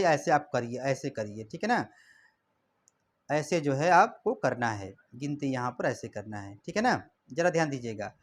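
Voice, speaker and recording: A man teaches a chemistry lesson in a loose, conversational way. He repeats each step and keeps checking in, addressing students as brother or child. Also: high voice. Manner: repetitive, coaxing, checks in often. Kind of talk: casual classroom explanation.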